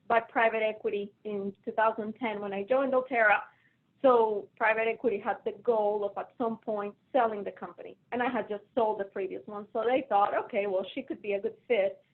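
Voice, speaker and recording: Over a video call with thin, phone-like audio, a Colombian woman appears as a guest in a relaxed interview, speaking with a Colombian Spanish accent. The finance executive is talkative and self-deprecating, her fairly high voice fairly even in intonation and a little fast.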